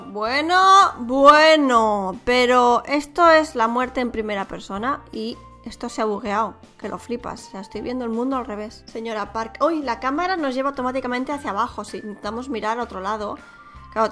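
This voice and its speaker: A woman's voice: fairly high pitch, bright, forceful tone. A woman giving chatty, playful, exclamatory gameplay commentary. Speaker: gaming YouTuber.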